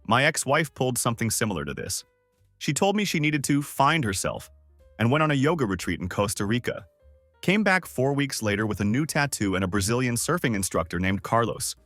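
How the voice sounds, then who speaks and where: A man's voice: medium pitch, sing-song, fairly quick, fairly bright tone, no room sound, faint music behind. A man doing a wisecracking divorced buddy. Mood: wry. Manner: sarcastic, mocking.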